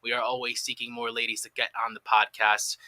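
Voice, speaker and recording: A man co-hosting a live dating podcast, reading shout-outs and plugs in an upbeat promotional way. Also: medium pitch, level tone, fairly quick, no echo. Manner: promotional, upbeat announcer delivery. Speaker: podcast co-host.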